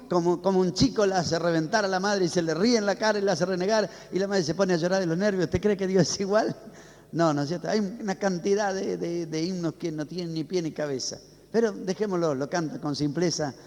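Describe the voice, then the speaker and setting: A man's voice: high voice, darkish tone, big-room sound. A man preaching a sermon as pastor, firing questions at the congregation and answering them himself. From Argentina. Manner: preaching with call-and-response questions.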